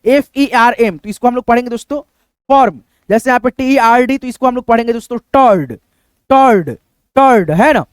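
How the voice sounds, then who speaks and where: A man gives an online lesson, sounding out short words letter by letter and tagging "right?" onto his steps. His voice is very high and smooth. The sound is dry and close, with no room around it. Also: fairly even intonation, quick pace, no echo. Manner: spells letter by letter, often adds "friends" and "right?". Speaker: teacher. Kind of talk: online spelling and pronunciation lesson.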